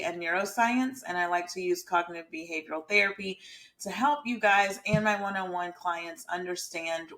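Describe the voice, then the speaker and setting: A woman's voice: mid-range voice, a bit bright. Chatty Southern woman from Georgia. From Georgia, USA. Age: 30s. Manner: informal, conversational, addresses viewers directly. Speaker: mindset mentor and YouTube host. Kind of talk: casual chatty explainer vlog.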